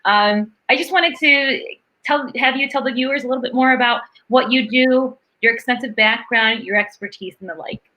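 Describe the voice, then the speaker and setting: A woman's voice: fairly high pitch, moderate pace, sharp tone, low-quality recording. A woman hosting an interview, introducing her guest in a hesitant way with many filler words. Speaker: interview host. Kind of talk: hosted interview.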